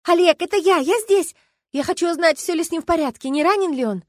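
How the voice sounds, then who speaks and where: A woman voicing an anxious, determined young woman who speaks urgently and high, in an audiobook. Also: fast, no room sound, studio quality, lightly acted. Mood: desperate. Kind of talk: audiobook narration.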